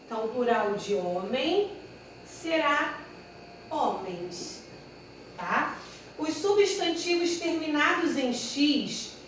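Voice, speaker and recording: A woman's voice: high-pitched, slight background noise. A woman teaching a grammar lesson, patiently repeating each example and correcting herself as she writes on a board. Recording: echoey room, voice far from the mic.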